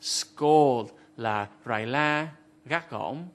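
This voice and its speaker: A man's voice: mid-range voice, very slow, slight background noise. A man explaining English word meanings in a TV lesson, carefully reading example sentences and their translations. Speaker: English vocabulary teacher.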